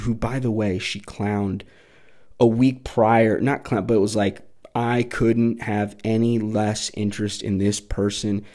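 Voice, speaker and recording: Man, lowish voice, candid rambling monologue, lots of swearing, podcast host. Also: darkish tone. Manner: raw, rambling, swears a lot.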